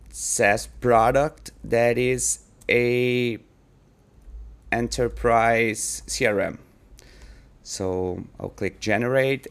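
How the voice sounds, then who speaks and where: A startup founder with a Brazilian Portuguese accent casually walks through a screen-share demo of his product. His voice is medium in pitch and a bit bright, and his delivery is halting, with frequent restarts and fillers like "like" and "uh."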